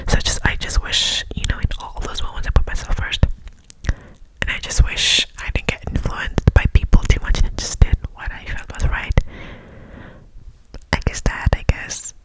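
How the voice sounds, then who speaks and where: A woman's voice: normal speed, low-quality recording. A young woman whispering breathily into cupped hands in ASMR style, reflecting in a hesitant, personal way. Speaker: ASMR host. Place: alone in a room at home.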